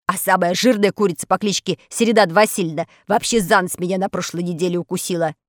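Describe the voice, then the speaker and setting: A woman voicing a chatty male village postman dressed up as a werewolf chicken, rattling on quickly. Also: on the low side, fairly even intonation, no room sound, clean studio sound, natural voice. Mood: chattering.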